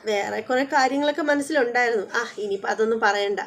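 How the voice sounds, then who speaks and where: A sweet, teasing young wife who hedges and trails off before she gets to the point, as a woman retells her scene. The voice sits high and light. It is told as a spoken recap of a TV serial. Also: lightly acted. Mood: coy. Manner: coaxing, hesitant, with many trailing pauses.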